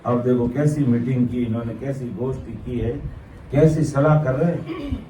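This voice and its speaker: Echoey preacher. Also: male voice, mid-range voice, lively intonation, moderate pace, warm tone, a little hiss or hum. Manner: repetitive emphatic explaining, quoting couplets and glossing them. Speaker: satsang preacher. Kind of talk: devotional sermon explaining verses. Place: satsang hall gathering. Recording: echoey room, distant mic, faint ambience.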